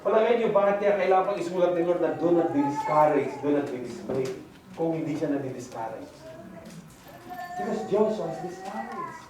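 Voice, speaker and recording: A man's voice: on the high side, animated, normal speed, noisy background. A male pastor delivering a sermon, switching between Tagalog and English and acting out the words of God and Bible figures with sudden rises and drops. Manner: preaching in mixed Tagalog and English, voicing God and prophets dramatically. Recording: echoey hall from far off, faint ambience.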